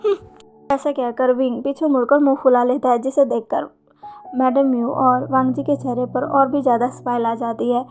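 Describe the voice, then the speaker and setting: A woman's voice: sits high, level tone, moderate pace, a little mellow, faint music behind. A woman narrating and explaining a fanfiction story in a chatty storytelling manner.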